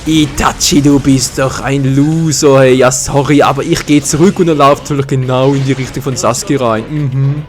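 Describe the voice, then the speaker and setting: A man with a German accent giving excited live commentary over a fighting game, groaning and swearing at his misses. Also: mid-range voice, moderate pace, hardly any pauses. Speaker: gaming commentator. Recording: game music behind. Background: faint game music.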